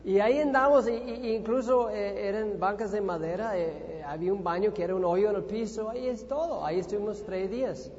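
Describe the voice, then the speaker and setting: A man preaches in a church, telling a story with lively energy and acting out his own moments of panic. His voice is mellow, and it rings through a long, echoey hall. The recording sounds dull and lo-fi. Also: high voice, brisk, hardly any pauses. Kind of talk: sermon with personal storytelling.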